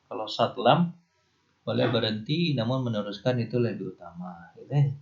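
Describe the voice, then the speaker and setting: A man's voice: on the low side, normal speed, vocal fry, a little mellow, a little hiss or hum. A man teaching an Islamic studies class in a loose, conversational way, with a light Indonesian accent. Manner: explanatory, loose and conversational, with frequent "ya" and "nih" asides. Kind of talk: classroom lecture. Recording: dull lo-fi lecture recording.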